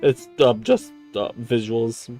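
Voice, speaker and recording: A young man streaming a dating game, excitable, laughing often and repeating words as he stammers. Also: medium pitch, takes it slowly, soft background music. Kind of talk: reading a dating sim aloud on stream.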